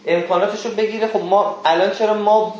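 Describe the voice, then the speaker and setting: A man's voice: high voice, fairly even intonation, darkish tone, muffled recording. Man lecturing in a very echoey classroom. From Kermanshah, Iran. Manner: questioning, addresses students directly. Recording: very echoey room, faint hiss.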